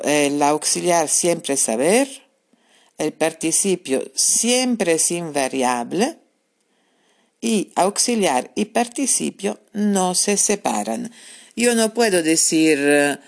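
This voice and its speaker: A woman language teacher records a podcast lesson at her computer. She talks in a low, unhurried voice and repeats her points patiently. A gravelly rasp runs through her speech. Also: animated, darkish tone.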